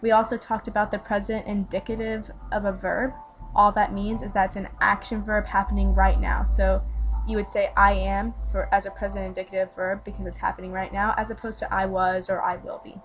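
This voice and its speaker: A woman's voice: mid-range voice, poor audio. Teen girl explaining stuff step by step, chatty, music playing under her voice. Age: teens. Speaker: student teaching a lesson. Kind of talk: casual voice-over lesson. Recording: voice-over with music behind.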